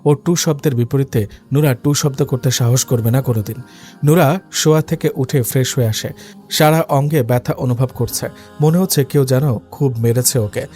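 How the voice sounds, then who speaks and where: A man narrating a dramatic story in a steady, scripted reading. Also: medium pitch, normal speed. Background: faint background music.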